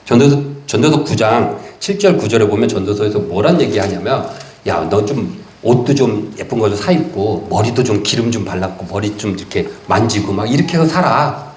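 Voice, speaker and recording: Lively pastor in an echoey church. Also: male voice, on the low side, slight background noise. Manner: lively conversational preaching, reads verses slowly then paraphrases in casual speech. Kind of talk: sermon. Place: church sanctuary.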